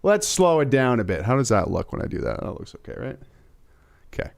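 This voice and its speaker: A man's voice: mid-range voice, wildly swooping pitch, brisk, creaky. A young man hosting a casual political commentary livestream, sarcastic and emphatic, repeating words for effect.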